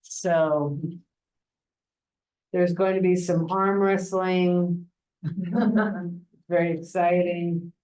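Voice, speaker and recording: A woman's voice: on the low side, little pitch movement, very slow, long pauses, darkish tone, poor audio. A middle-aged woman, executive director, chairing a planning meeting in a meeting room with a joking, breezy manner.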